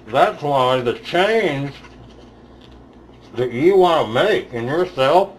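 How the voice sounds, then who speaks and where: A man giving a live spiritual talk in an auditorium. He speaks bluntly, swears freely, builds to loud emphatic peaks and then drops back down low. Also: lively intonation, slow pace, roomy sound, a little hiss or hum, poor audio. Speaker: spiritual teacher. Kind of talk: live motivational talk to an audience.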